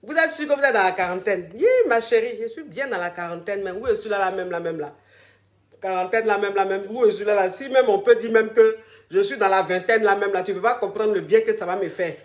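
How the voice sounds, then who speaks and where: A woman's voice: medium pitch, fairly quick, roomy sound. A woman, coaching callers on a live stream in a crude, teasing, repetitive way and often laughing. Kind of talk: livestream advice chat.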